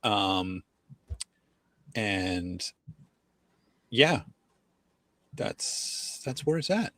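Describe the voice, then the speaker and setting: A man's voice: lowish voice, expressive, drawn-out words, fairly bright tone, dry recording. Man in his forties, dry close sound. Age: 40s. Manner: rambling, filler-heavy. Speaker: co-host. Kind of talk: casual chat.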